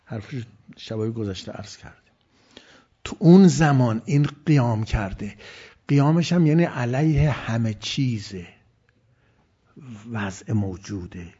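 Husky man preaching with hushed whispers. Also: mid-range voice, expressive, long pauses. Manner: dramatic swings between loud emphasis and hushed near-whisper. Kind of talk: religious sermon. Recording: dull lo-fi recording.

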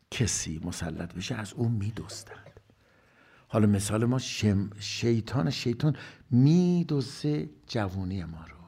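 Husky-voiced man preaching with rhetorical questions. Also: fairly low pitch, mellow. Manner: rhetorical questions answered himself, rising to emphatic bursts. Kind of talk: religious sermon.

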